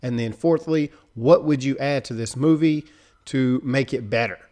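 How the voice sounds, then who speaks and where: A man's voice: mid-range voice, moderate pace, warm tone. A man hosting a casual podcast, introducing guests in a loose, jokey way with plenty of fillers. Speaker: podcast host.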